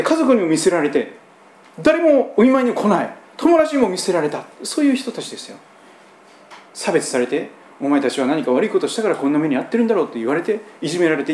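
A man from Japan, a pastor preaching a sermon in a conversational style with strong emphasis. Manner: conversational preaching with lively, pitch-swinging emphasis. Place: church sanctuary. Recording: roomy church hall echo, faint background hum.

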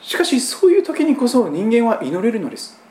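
A man from Japan, a pastor preaching a sermon in a conversational style with strong emphasis. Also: a little fast. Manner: conversational preaching with lively, pitch-swinging emphasis. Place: church sanctuary. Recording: roomy church hall echo, faint background hum.

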